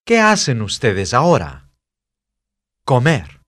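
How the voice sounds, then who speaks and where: A man reads short model phrases for a language lesson, slow and carefully enunciated. His voice swings widely in pitch, with very lively intonation on each phrase. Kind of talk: scripted lesson drills.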